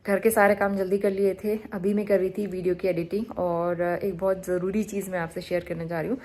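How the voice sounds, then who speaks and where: A woman's voice: on the low side, little pitch movement. Chatty woman vlogging at home. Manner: chatty, thinking out loud with pauses. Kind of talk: casual chat to camera.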